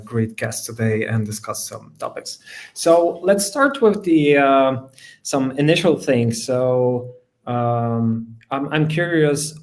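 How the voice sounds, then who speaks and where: Male host, online panel moderator, relaxed and halting. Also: mid-range voice. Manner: relaxed, hesitant with many fillers. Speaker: host, design manager.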